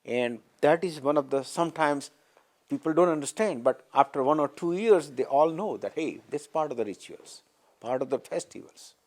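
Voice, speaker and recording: A man's voice: fairly high pitch, animated, moderate pace, a little mellow. A man from Gujarat with an Indian English accent, explaining simply and earnestly in a documentary interview. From Baroda, Gujarat, India. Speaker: temple member.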